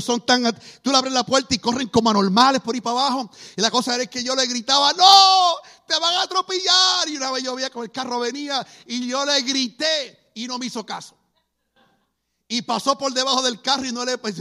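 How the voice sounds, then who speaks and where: A middle-aged man preaching, telling testimonies as a lively storyteller who acts out the voices he quotes. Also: very high-pitched. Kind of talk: testimony sermon.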